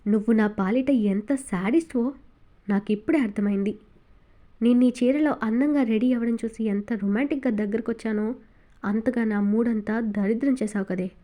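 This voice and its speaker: A woman voicing a teasing, quick-tempered young man in a romance audiobook, her reading lightly shaded. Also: a little high, warm tone, lightly acted. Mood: scolding. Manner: teasing, scolding.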